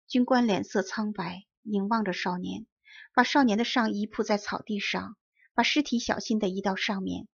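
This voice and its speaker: A woman teacher narrating a children's audiobook in clear, measured storytelling, with a husky, gravelly voice on a dull, lo-fi recording. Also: mid-range voice.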